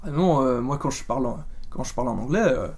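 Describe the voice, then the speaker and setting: A man's voice: medium pitch, lively intonation, quick pace, a little mellow. A man giving a casual spoken film review, chatty and full of fillers and restarts. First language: French.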